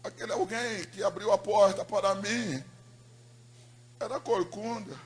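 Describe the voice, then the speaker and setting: A man giving an emotional preaching testimony, telling his story dramatically and moving between loud swells and hushed tones. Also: high-pitched, measured pace.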